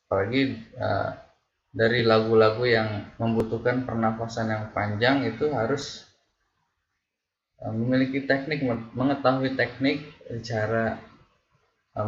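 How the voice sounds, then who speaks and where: A man teaching a singing lesson, explaining slowly and patiently with fillers and sung examples. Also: medium pitch, fairly bright tone, highs cut off. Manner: slow, patient explaining, sings short examples, many fillers. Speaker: music teacher. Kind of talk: casual online singing lesson.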